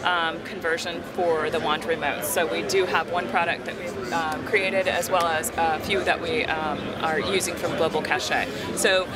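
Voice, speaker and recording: Trade-show presenter, male, steady explainer with ums, loud crowd behind. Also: a little high, normal speed, few pauses. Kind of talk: product demo. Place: busy trade show floor. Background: loud crowd chatter.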